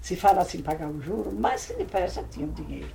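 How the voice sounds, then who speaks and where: A woman's voice: on the low side, big pitch swings, fast talker, vocal fry, dark tone, a little hiss or hum, rough recording. An older woman with a Brazilian accent telling old family stories in a rambling, vivid way. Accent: Brazilian Portuguese. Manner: rambling, vivid, re-enacts scenes with exclamations. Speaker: family elder recalling old times. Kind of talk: casual oral storytelling.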